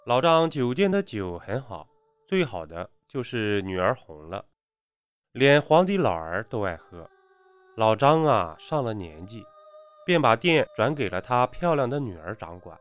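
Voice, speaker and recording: A man narrating a spoken horror story in an animated, suspenseful way. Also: mid-range voice, a little slow.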